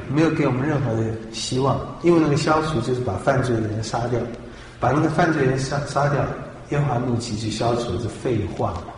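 A man's voice: mid-range voice, a little mellow, slight background noise. Emphatic preacher man in an echoey hall. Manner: emphatic, asks rhetorical questions to the listeners. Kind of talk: sermon. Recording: echoey hall with long reverb.

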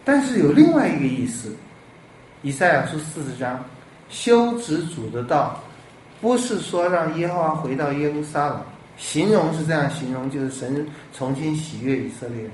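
Guy preaching, kinda high voice, lots of "right?" asides, echoey room. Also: normal speed, a little hiss or hum. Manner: animated, rhetorical questions, lively swings in loudness. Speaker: pastor. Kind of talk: sermon. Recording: echoey room with faint ambience.

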